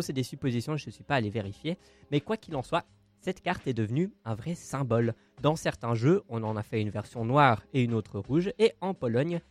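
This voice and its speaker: A man's voice: mid-range voice, darkish tone, dry recording. A man co-hosting a casual podcast, presenting a segment in a playful, theatrical, jokey way.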